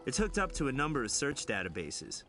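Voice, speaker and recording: A friendly, wisecracking young American lab technician in a video game. His voice is bright and forward, with a breezy, cocky delivery. Music plays faintly under him. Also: medium pitch, huge pitch swings, a little fast. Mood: breezy, welcoming. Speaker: crime lab technician character. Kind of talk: scripted video game dialogue.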